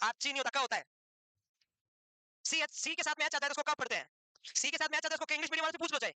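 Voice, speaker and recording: A man teaching a class at a quick clip, his voice high and bright. He scolds, jokes and teases students between dictated notes, and the sound is dry and close. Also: dry recording. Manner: brisk, scolding, teasing joker. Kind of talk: classroom lecture.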